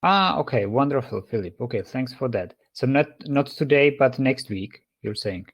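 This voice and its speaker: A man from the Czech Republic, speaking with a Czech accent, gives an online university lecture over a video call. His mid-range voice is animated at a moderate pace, though he stops and restarts often and uses many fillers.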